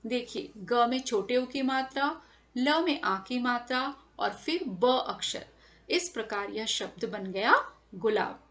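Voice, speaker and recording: A woman's voice: fairly high pitch, animated, takes it slowly. A woman teacher giving a careful lesson to children, stretching and stressing each sound as she says it over slides.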